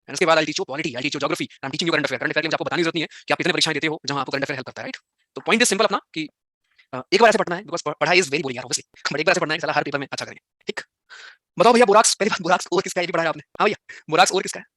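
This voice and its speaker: Male teacher, very fast speech, bright sharp voice, dry close sound, teasing and scolding. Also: a little high, dry recording. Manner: teasing, scolds students by turns. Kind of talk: live online exam-prep class.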